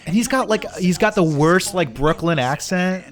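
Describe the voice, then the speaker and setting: A man's voice: high-pitched, expressive, moderate pace. A young man co-hosting a casual gaming podcast, complaining animatedly and swearing as he talks through the game. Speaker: podcast co-host.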